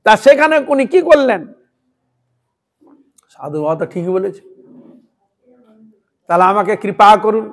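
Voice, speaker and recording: Preaching a devotional sermon in a very high-pitched voice with a Bengali accent, a man tells the story emphatically and keeps addressing his listeners with rhetorical questions. His pitch swings widely, and he speaks unhurriedly, pausing often.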